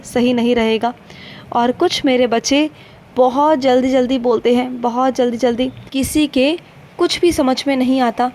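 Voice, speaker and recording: A woman voicing a gentle fatherly saint. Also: high voice, natural voice. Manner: tender, instructive, repeats "my child" constantly. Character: gentle fatherly male saint counselling his devotees. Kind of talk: devotional first-person message.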